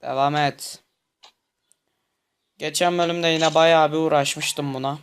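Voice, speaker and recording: High-voiced young man muttering gameplay commentary. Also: fairly even intonation, slow pace, slight background noise. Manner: muttering to himself, tense and frustrated.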